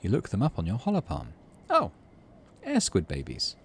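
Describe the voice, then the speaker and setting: This middle-aged gaming channel host runs a let's play, reading game text with expression and tossing off casual muttered asides to himself. He has a low, creaky voice whose pitch swoops wildly, and he talks at normal speed. There's slight background noise.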